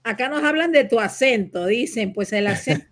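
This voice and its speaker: A woman's voice: fairly high pitch, expressive, moderate pace. Woman interviewer asking friendly questions. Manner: friendly questions, brief agreeing replies. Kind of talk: casual interview chat.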